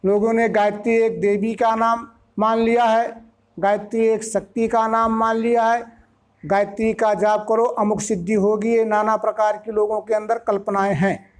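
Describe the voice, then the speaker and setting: A spiritual teacher giving a discourse, explaining slowly and drawing out single syllables with care. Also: mid-range voice, flat delivery.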